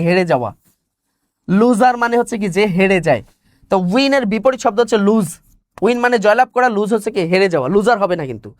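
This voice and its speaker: A teacher runs a live online exam class. The voice sits at a middle pitch and is recorded close and dry, with no room sound. The teacher asks question after question, answers each one and repeats the key words. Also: no echo.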